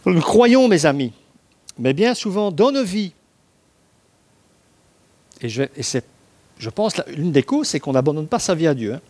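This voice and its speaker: Speaking in a slightly high voice, a man delivers a sermon, unpacking the passage in a relaxed, conversational manner. He takes his time, pausing often, drifting into asides and posing rhetorical questions to his listeners.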